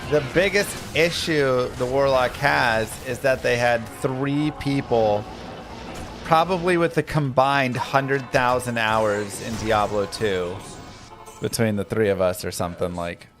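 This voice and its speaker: Unhurried man chatting over clear music. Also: medium pitch. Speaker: game streamer. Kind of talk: casual live-stream chat about a video game.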